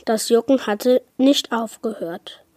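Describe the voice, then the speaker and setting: A woman reading a children's book aloud with expressive storytelling. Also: a little high, takes it slowly, no room sound, clean studio sound. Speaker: reader.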